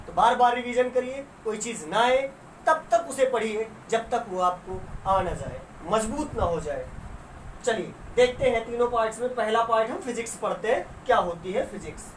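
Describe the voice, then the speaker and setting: In a classroom science lesson, a woman with an animated, fairly high voice speaks at a moderate pace, asking her students questions and then answering them herself while stretching key words. She's far from the microphone, so the sound is roomy with faint noise.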